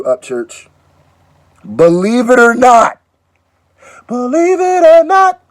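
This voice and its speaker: A man raised in Nigeria hosts a reaction video and talks in a loose, joking way, often cutting in on the clip he plays. His voice sits a touch high and swings widely in pitch. The sound is dry, with no room echo. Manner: animated, joking, interjecting. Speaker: YouTube reaction host. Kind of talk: casual reaction commentary.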